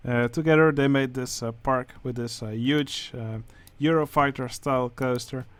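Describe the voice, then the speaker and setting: A man with a Dutch accent, speaking English as a second language, who hosts a channel and comments casually on game contest entries, pausing often with filler sounds. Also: medium pitch, fairly even intonation, clean tone. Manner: hesitant, many filler sounds. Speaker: channel host judging a building contest.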